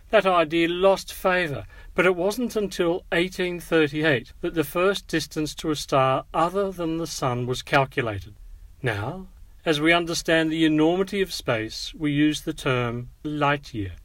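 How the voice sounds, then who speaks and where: A man presents a scripted museum audio guide as an educator, measured and instructive, speaking directly to the listener. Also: on the high side, a bit bright, no echo.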